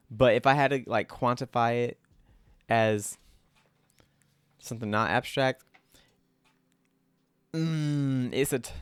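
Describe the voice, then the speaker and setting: A young man, an artist hosting his own channel, casually talks through his drawings, rambling, self-critical and full of "like" fillers. His mid-range voice sounds clean, with no room sound.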